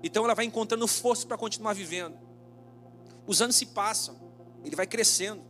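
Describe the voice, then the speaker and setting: A male pastor preaching a sermon, telling a story dramatically and slowing down for emphasis. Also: high-pitched, sharp tone, faint music behind.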